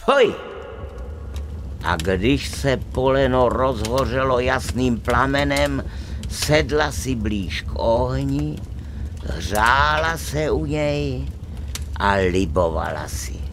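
A storyteller reading a fairy tale aloud in an expressive, acted way. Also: mid-range voice, noisy background.

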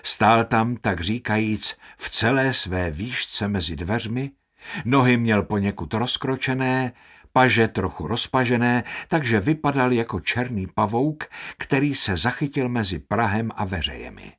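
Guy reading a novel aloud, steady and expressive, middle pitch. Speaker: audiobook narrator. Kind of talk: scripted narration.

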